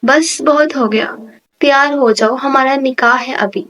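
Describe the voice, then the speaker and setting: A woman's voice: high voice, a bit bright. A woman reading the lines of a possessive, hot-tempered young man in love, pleading and harsh by turns. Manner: pleading then harsh, obsessive.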